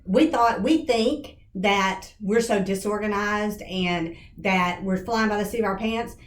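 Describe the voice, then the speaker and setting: A woman's voice: mid-range voice, a little slow. A woman sharing her thoughts in a casual team meeting, confident and matter-of-fact, proud of her team. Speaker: team member. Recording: echoey room with faint noise.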